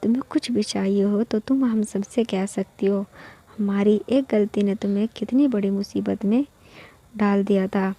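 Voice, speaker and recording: A woman voicing a gentle, patient young daughter-in-law who speaks softly and forgivingly, in a mellow reading. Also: medium pitch, fairly even intonation, moderate pace, close to an everyday voice. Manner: soft, forgiving.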